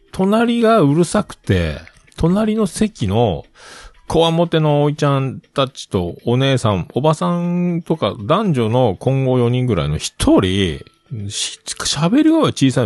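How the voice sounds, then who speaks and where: A man's voice: mid-range voice, a little mellow. A middle-aged man casually rambling through a personal story, acting out the bits he quotes. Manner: chatty storyteller who acts out quoted bits.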